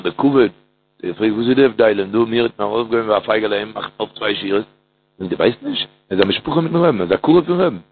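Gravelly preacher on a tinny line. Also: male voice, mid-range voice, slight background noise. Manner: animated, swings from loud calls to near-murmurs. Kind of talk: storytelling religious sermon.

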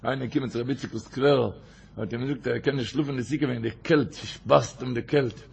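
A man, a rabbi, giving a Torah talk, who repeats his phrases and recites Hebrew quotes in a quick chant. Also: mid-range voice, fairly even intonation, gravelly, darkish tone, slight background noise. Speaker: rabbi teaching.

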